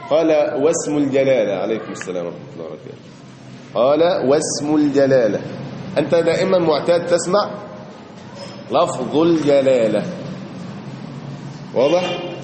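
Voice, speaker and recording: A man's voice: medium pitch, lively intonation, a little fast, long pauses, noisy background. A man with an Egyptian accent giving a mosque lesson on a creed text, reading passages aloud and explaining them, drawing out key words as he goes. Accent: Egyptian Arabic. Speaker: Islamic teacher. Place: mosque hall. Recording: echoey hall with long reverb.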